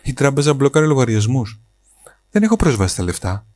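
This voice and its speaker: A man's voice: mid-range voice, sing-song, darkish tone, no echo, voice pushed up, close to an everyday voice. A man voicing an ambitious, hot-tempered adult son in a storybook reading, impatient and demanding. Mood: angry. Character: ambitious, greedy adult son, quick to anger.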